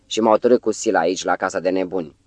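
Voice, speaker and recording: A man's voice: deep voice, darkish tone, no echo. A man voicing an angry, rude young poet who talks irritably and with scorn, in an audiobook.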